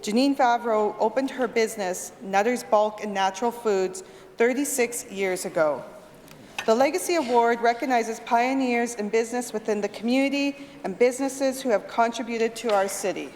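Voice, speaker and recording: A Canadian woman reads a prepared tribute as a member of a legislature. Her voice sits a little high, in a reverberant chamber with faint noise behind it. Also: normal speed, darkish tone. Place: large indoor legislative chamber.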